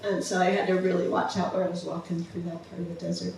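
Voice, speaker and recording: A woman's voice: on the low side, flat delivery, fast, creaky, a little mellow, slight background noise. A woman giving a casual, enthusiastic slideshow talk, with many ums and restarts. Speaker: presenter of a travel slideshow. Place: museum presentation room. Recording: far-off mic in a very echoey room.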